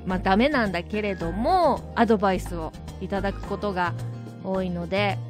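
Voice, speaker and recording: A woman hosting her own web radio show, talking casually and reflectively, thinking aloud with soft asides. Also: medium pitch, brisk. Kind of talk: casual solo radio talk. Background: background music.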